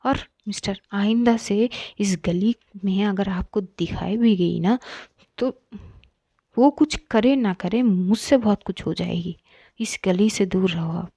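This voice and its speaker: A woman reads a fierce, protective young woman in a storybook reading. She scolds and lectures in a warm, mellow tone. The recording is dry and close. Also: medium pitch, slow, husky, dry recording. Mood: angry.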